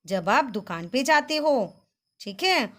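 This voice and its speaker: A woman's voice: on the high side, sing-song, slow. A woman teacher leading a children's Hindi vocabulary lesson, spelling words out syllable by syllable and praising the class in a sing-song, teacherly way.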